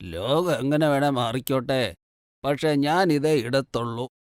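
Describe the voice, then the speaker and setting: A man's voice: mid-range voice, measured pace, clean tone, no echo, studio quality, lightly acted. A man playing a stubborn old-fashioned dad. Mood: firm.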